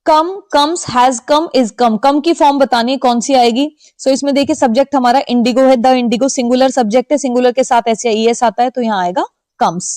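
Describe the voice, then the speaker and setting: A woman teacher, reading English exam questions slowly and then explaining them quickly in Hindi. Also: high-pitched, a little mellow, no echo. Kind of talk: exam-prep lesson.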